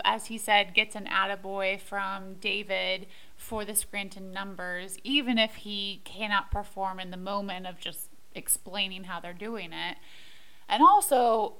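A woman's voice: mid-range voice, bright, forceful tone, low-quality recording. A woman co-hosting a podcast, chatting and explaining scenes from a TV episode. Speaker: podcast co-host. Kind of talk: casual recap chat.

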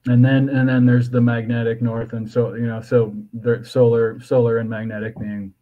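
A man with a lisp and slushy s sounds explains philosophical ideas conversationally as a guest, in a halting, digressive way. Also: mid-range voice, level tone, phone-quality sound. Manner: halting, digressive, with repeated "you know". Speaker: podcast guest, author.

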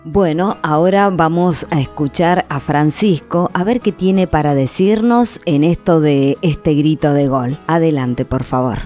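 A woman with an Argentine accent hosting a radio program, speaking in a slow, reflective way with repeated phrases. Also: sits low, dark tone, faint music behind. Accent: Argentine Spanish. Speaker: radio host.

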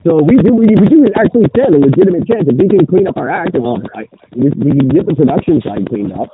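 A man's voice: fairly high pitch, animated, fast talker. A man co-hosting a podcast in casual chat, his voice muffled as if talking through a sweater, rambling and swearing casually with many restarts. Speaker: podcast co-host. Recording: muffled phone-like line with background noise.

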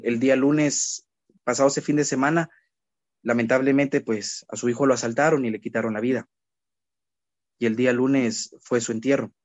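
A man preaching a sermon, who acts out children and worried adults in an animated way. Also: medium pitch, no echo. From Guatemala.

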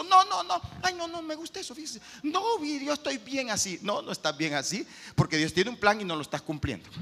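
A man preaches in a high, bright voice that climbs and falls all over. His voice rings with a long reverb in a church hall. He swings between loud urgent bursts and low quiet stretches. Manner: preaching with sharp swings in pitch and loudness. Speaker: pastor. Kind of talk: sermon.

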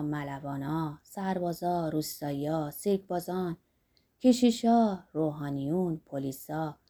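A woman voicing a rough, lusty old man who talks bluntly and boastfully about life and age. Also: deep voice, dark tone, pitched below the performer's own voice, lightly acted.

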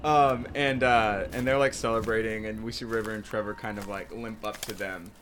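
A man's voice: fairly low pitch, steady tone, normal speed, fairly bright tone, slight background noise. Rambling man narrating an improvised story. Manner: rambling, many fillers. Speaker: game master.

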